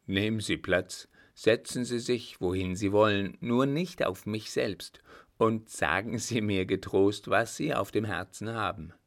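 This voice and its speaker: A man voicing an old, blunt field marshal who talks loudly and teases, with a gravelly low voice. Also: a little slow. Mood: gruff, bantering. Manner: loud, brusque, bantering.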